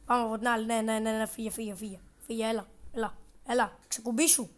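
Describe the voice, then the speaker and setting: A woman giving excitable let's-play commentary on a horror game, talking back to the game, swearing and dropping to mutters. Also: fairly high pitch. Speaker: gaming video creator.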